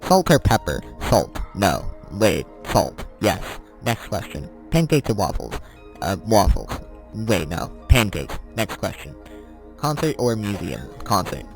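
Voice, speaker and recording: A teenage boy talks casually while he plays, rambling and changing his mind mid-answer with small chuckles. His voice sits on the low side for his age. Faint music runs underneath. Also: huge pitch swings, unhurried, vocal fry. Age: teens. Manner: rambling, self-correcting, chuckling. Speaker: gaming vlogger. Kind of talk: casual chat while playing.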